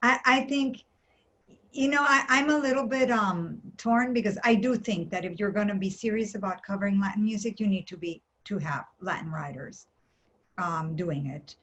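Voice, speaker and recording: A woman's voice: medium pitch, moderate pace, a bit bright. Woman, muffled audio. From Colombia. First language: Spanish. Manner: earnest, thoughtful, with frequent restarts. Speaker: music journalist. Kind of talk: panel discussion.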